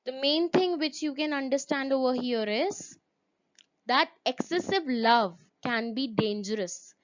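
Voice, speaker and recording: A woman's voice: high-pitched, animated, a little slow, highs cut off. A woman teacher, explaining a story to her class, repeating words for stress and asking the class questions.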